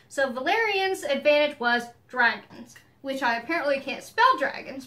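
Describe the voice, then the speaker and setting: Bright, high-voiced chatty woman. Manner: chatty, laughs often, playful narration. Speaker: co-host. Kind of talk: casual chat.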